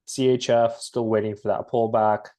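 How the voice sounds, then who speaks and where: A man with a cold and a slightly raspy voice, casually talking through a trading market breakdown with many pauses and restarts. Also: fairly low pitch. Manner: relaxed, halting, many ums and restarts. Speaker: forex trading analyst.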